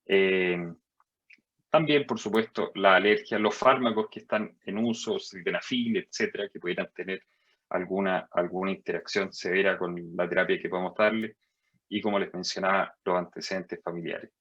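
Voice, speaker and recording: A man giving a medical lecture as a physician, measured and explanatory, jumping higher in pitch to stress key points. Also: fairly even intonation, fairly bright tone, dull audio. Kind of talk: medical lecture over slides.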